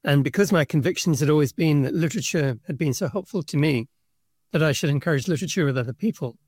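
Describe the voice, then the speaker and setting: A middle-aged South African man tells his story in a steady, thoughtful way, pausing to pick his words. His voice sits a little high for a man. The sound is close and dry, with no room around it. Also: slightly rough, no room sound. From Kenya and South Africa. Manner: measured, thoughtful storytelling with pauses. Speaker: guest, book publisher's representative. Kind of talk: conversational podcast interview.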